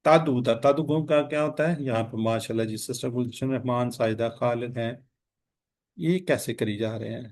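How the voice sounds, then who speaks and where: Male teacher on a video call, steady mid-pitched voice, keeps quizzing the class patiently. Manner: patient, quizzing students with repeated questions. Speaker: Quran and Arabic grammar teacher. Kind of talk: online class lesson.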